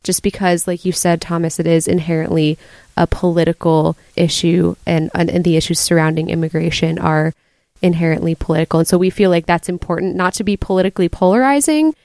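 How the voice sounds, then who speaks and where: A woman with a somewhat low voice speaks earnestly as a podcast guest, explaining her points at a steady clip. The sound is dry and close-miked. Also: brisk, no echo. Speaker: guest, resource team member. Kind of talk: casual podcast discussion.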